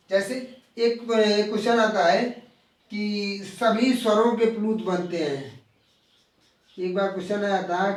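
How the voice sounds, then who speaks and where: A man with a fairly high voice teaches a live grammar lesson, repeating each key term and drawing out the example sounds. He stands back from the mic, and the sound rings in a very echoey room. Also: recorded from a distance.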